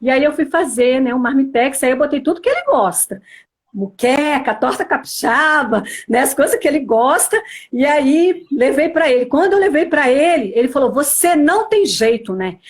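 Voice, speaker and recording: Speaking with an Espírito Santo Brazilian Portuguese accent, a woman gives her religious testimony as a church member, telling the story earnestly and filling it with "né" and "assim." Her high voice is animated, and she talks at a normal speed.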